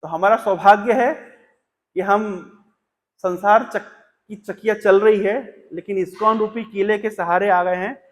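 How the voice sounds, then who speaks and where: High-voiced man teaching a scripture class. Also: steady tone, long reverb tail. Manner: storytelling, quotes couplets slowly and deliberately. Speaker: Bhagavatam class speaker. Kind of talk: Hindi scripture class talk. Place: temple hall.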